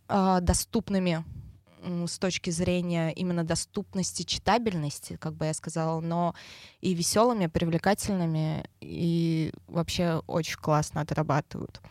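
As a guest in a podcast interview, the head of a traffic department explains things informally. She has a low, slightly mellow voice and a burred, non-standard r from a speech impediment, captured in clean studio sound with no room tone.

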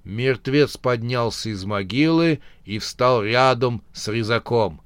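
Male audiobook narrator, slow measured reading, dry close sound. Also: medium pitch, smooth, dry recording. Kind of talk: scripted storybook narration.

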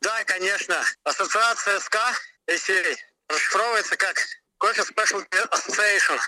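A man calling in on speakerphone as a coffee expert, talking in a relaxed, slangy, matter-of-fact way from outdoors. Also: high voice, normal speed, no echo, rough recording. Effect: heard over a phone on speakerphone. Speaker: coffee expert called in by phone. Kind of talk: casual phone chat. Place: outdoors crossing a highway bridge.

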